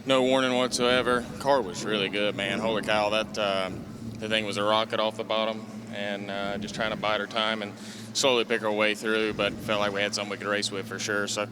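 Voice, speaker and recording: A man, a race driver, answering casually in a trackside interview with halting, laid-back phrasing. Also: lowish voice, little pitch movement. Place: outdoors at a racetrack. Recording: outdoor track noise behind.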